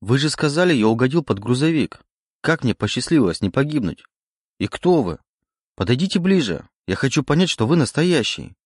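A scared, confused young man in a storybook, his voice pitched up high with panic as he pleads and demands answers. He is played by a man narrating the book. The recording is close and dry. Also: sing-song, fairly quick, breathy edge, no room sound. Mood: agitated.

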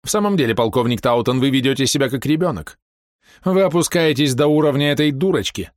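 A man's voice: medium pitch, sing-song, moderate pace, no room sound, studio quality, pitched above the performer's own voice, natural voice. A man voicing a cold, contemptuous woman criminal in an audiobook, speaking in a taunting, mocking way. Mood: scornful. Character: cold scornful female murderer.

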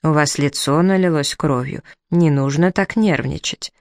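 A man's voice: fairly high pitch, moderate pace, creaky, no room sound, studio quality. Man doing a mild, soothing young doctor. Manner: soothing, gentle. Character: calm, mild young male country doctor.

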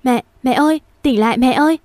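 Panicked young wife, played by the female narrator, anxious and pleading, mellow tone. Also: sits high, fairly quick, no room sound, pitched above the performer's own voice, natural voice. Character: frantic young wife in distress.

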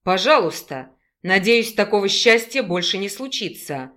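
A woman growling as a blunt gruff male werewolf. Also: medium pitch, very animated, moderate pace, a bit bright. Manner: curt, growling.

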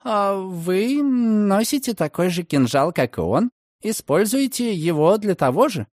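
A proud young woman, bristling with indignation, her voice pitched high and hissing with accusation, as a male narrator puts her on. The sound is dry and close, with lively swings of pitch. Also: unhurried, no room sound. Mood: indignant.

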